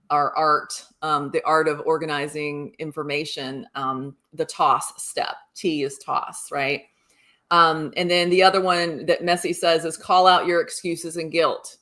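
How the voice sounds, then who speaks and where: A woman's voice: fairly low pitch, sharp tone. A woman co-host and organizing coach, upbeat and explanatory, often checking in with the listener. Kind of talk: casual conversation.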